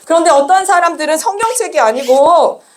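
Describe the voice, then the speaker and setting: A woman children's minister giving a sermon to small children with slides, lively and asking them questions. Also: very high voice, fairly quick, slight background noise.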